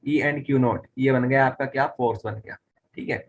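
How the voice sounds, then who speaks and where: A man's voice: mid-range voice, steady tone, moderate pace. A man teaching a physics lesson, repeating key phrases and often stopping to check that students understand. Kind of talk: explaining a lesson at a whiteboard.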